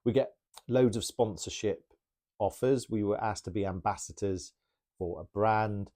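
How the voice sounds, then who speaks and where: A man's voice: on the low side, a little slow, mellow. A man who works as a bike mechanic, chatting casually and enthusiastically through viewer questions, rambling a little with restarts. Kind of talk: casual Q&A talk.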